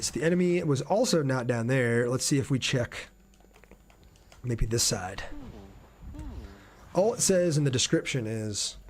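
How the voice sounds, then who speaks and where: A mid-range male voice, with a little hiss or hum in the recording, comes from a game streamer in Ohio. He speaks with an American accent, keeping the chat with his viewers casual and direct.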